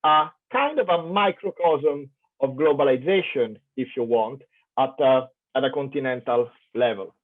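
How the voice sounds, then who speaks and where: An Italian man with an Italian accent gives an academic keynote lecture over an online conference call, his mid-range voice at a normal speed. He is thoughtful, with many fillers and restarts. The audio sounds tinny, like a phone.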